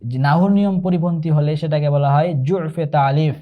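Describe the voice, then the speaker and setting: A male instructor giving an online exam-prep lesson, patiently explaining and repeating key terms, asking himself questions and slowing down to recite example sentences. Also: a little high, fairly even intonation, lo-fi sound. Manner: slows to recite Arabic examples.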